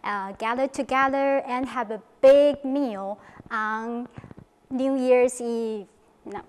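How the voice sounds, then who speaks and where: Taiwanese woman, native Chinese speaker, guest in an interview; careful halting English, slow, higher voice, reverb behind. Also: darkish tone, clear, resonant tone.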